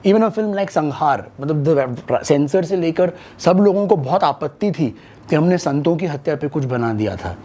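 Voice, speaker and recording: A man's voice: on the high side, animated, a little slow, warm tone. A young man, an actor, talking earnestly about his work in a casual interview, often switching into English. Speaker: actor and playwright, guest.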